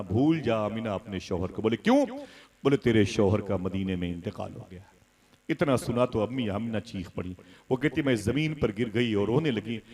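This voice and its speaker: Impassioned male preacher, dramatic storytelling. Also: mid-range voice. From India. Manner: dramatic storytelling, swelling to loud cries; leads the crowd in call-and-response. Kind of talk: impassioned religious sermon.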